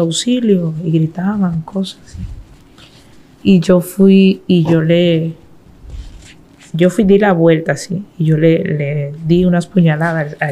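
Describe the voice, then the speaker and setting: Woman, guest in an interview, mellow dark voice, earnest and halting, does everyone's voices as she tells it. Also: fairly low pitch. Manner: earnest, halting, acts out the voices in her story. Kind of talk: personal storytelling in an interview.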